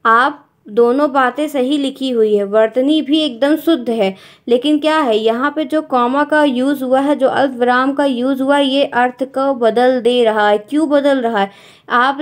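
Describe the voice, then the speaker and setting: A woman's voice: high-pitched, normal speed. A woman teacher, giving an exam-prep grammar lesson and explaining step by step while checking in with her students.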